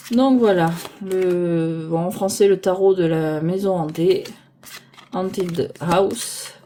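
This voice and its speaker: A woman's voice: on the low side, measured pace, mellow, a little hiss or hum. A woman casually presenting tarot decks, rambling and stopping aloud to search for names, filmed on a phone held by a holder arm. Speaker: tarot deck reviewer.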